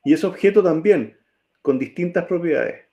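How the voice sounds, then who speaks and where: A man's voice: a little high, lively intonation, moderate pace, mellow. A man teaching a programming class, typing code as he talks and often checking that students follow. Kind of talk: live-coding class.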